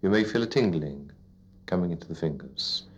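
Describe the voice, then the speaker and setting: A man guiding a listener into sleep as a hypnotist, in a soothing, repetitive, deliberate narration with pauses, like a sleep story narrator. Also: sits low, expressive. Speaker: hypnotist leading a relaxation induction. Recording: dull lo-fi recording.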